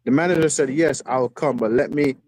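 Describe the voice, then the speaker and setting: A football fan rings into a stream over a phone video call, speaking briskly in a medium-pitched, slightly mellow voice. Casual but passionate, he repeats phrases for emphasis. There's no echo.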